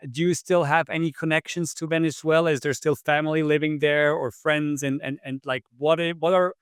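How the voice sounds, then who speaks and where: A man hosting an interview podcast, chatting casually and loosely, with halting restarts while he asks questions. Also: fairly high pitch, little pitch movement, clean tone, no echo, studio quality. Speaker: podcast host.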